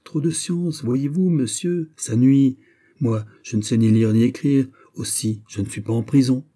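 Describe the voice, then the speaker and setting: A man's voice: medium pitch, measured pace, dark tone, voice pushed up. A man voicing a chatty middle-aged prison governor with a genial, coaxing manner.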